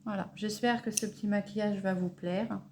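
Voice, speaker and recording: With slight background noise behind her, a woman talks through her makeup routine step by step, unpretentious and easygoing but halting, with stammers and self-corrections. Her mid-range voice is dark in tone, fairly even in intonation and at normal speed.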